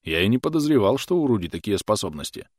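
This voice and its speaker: A man voicing a calm, sly immigrant father in an audiobook, speaking in a dry, deadpan way. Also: fairly low pitch, quick pace, dry recording.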